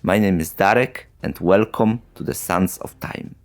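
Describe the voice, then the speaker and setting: A man with a low voice hosts a history video over soft background music. English isn't his native language, and he narrates slowly, dropping wry, sarcastic asides and brief chuckles.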